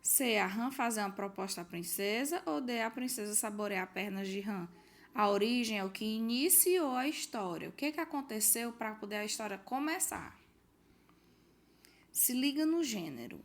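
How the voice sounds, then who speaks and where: A Brazilian woman teacher, her voice a little high and expressive at a normal speed, patiently guides pupils through a worksheet. She reads the questions aloud and offers hints in this recorded homework walkthrough, explaining as she goes.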